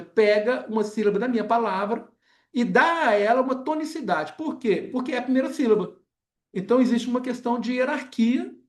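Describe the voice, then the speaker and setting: Speaking with a Brazilian accent, this man gives an academic lecture in a very high-pitched voice. Frequent pauses are plugged with brief fillers and tag questions.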